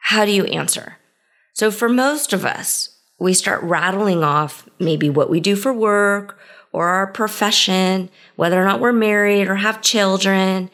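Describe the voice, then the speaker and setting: On her solo podcast, a woman talks through ideas in a conversational, reflective way, starting many sentences with "so." Her voice is mid-range and fairly bright.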